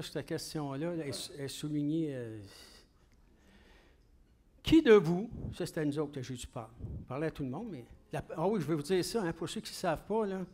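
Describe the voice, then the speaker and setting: A man with a Québécois French accent preaches to his congregation in a quick, conversational way. He keeps asking them questions as he goes. His voice sits noticeably high for a man. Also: darkish tone. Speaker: pastor. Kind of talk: sermon.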